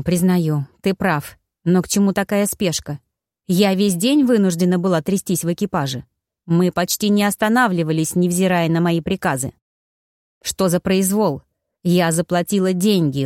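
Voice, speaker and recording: A woman's voice: on the low side, darkish tone, no room sound, clean studio sound, close to an everyday voice. A woman voicing a spoiled, scheming young baroness who whines and sneers. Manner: indignant, whining, sneering.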